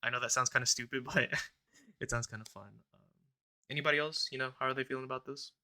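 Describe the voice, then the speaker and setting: A young man in his twenties hosts a relaxed podcast among friends, his voice bright and clear. He talks loosely and rambles, scattering ums and uhs as he steers the chat. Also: mid-range voice, quick pace. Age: young adult. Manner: relaxed, rambling, filler-heavy, recites a prayer. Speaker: podcast host.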